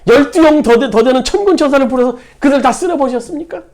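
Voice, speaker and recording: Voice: high-pitched, expressive, quick pace, darkish tone. A pastor preaching a sermon in a church, stressing key words by repeating them. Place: church sanctuary.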